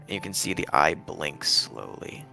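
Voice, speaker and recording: A man's voice: low voice, expressive, a little slow, vocal fry, bright, forceful tone, faint music behind. A man narrating a tabletop game as game master, casual and given to swearing. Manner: casual, profane.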